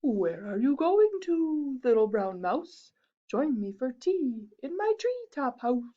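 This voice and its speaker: A woman's voice: big pitch swings, slow, muffled recording, heavily acted. A woman voicing a hooting male owl in a storybook read-aloud. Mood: inviting. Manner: hoots, shrill.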